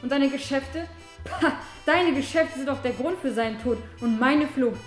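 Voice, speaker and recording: A woman's voice: high voice, normal speed, lightly acted. A woman playing a bitter vengeful young woman. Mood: menacing. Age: young adult. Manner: cold, accusing, cutting. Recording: echoey room with music behind.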